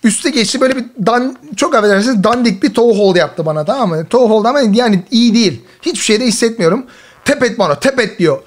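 Male host, 30s, high voice, casual storytelling with laughs and slang. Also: fast, hardly any pauses. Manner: animated, laughs often, uses slangy exclamations. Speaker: host and jiu-jitsu athlete. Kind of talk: casual reaction commentary and storytelling.

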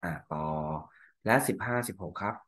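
Thai man teaching English, low voice. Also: a bit bright. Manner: explains each answer in Thai, reads English lines slowly. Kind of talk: exam answer walkthrough.

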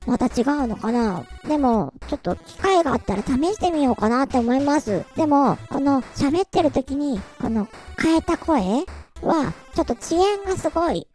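A man's voice: very high voice, very animated, moderate pace, darkish tone, soft background music, pitched above the performer's own voice. A man using a voice changer to play a playful, girly female VTuber persona, with a synthetic, processed sound. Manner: playful, goofy outbursts.

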